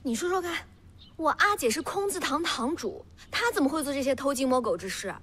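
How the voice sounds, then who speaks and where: Fairly high, proud young noblewoman. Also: big pitch swings, fairly quick, a bit bright, slight background noise. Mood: reproving. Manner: admonishing, formal. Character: proud, composed young noblewoman, firm and responsible. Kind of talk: costume drama dialogue.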